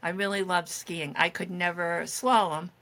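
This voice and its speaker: A woman's voice: fairly low pitch, steady tone, moderate pace, fairly bright tone. A middle-aged woman co-hosting a podcast, telling meandering, self-deprecating stories in casual chat. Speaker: podcast co-host.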